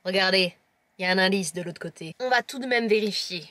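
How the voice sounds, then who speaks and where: A woman's voice: medium pitch, fast, bright, forceful tone, no echo. A woman with a Lorraine French accent, chatting playfully to camera as she tastes chocolates and describes them. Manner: chatty, playful, teasing viewers. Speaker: vlogger tasting chocolates. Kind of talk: casual tasting vlog to camera.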